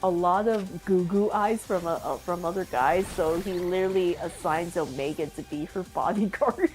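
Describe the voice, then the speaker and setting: A woman's voice: lowish voice, moderate pace, a little mellow, faint music behind. A woman chatting casually on a stream, rambling with many fillers and frequent giggles. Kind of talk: casual chat.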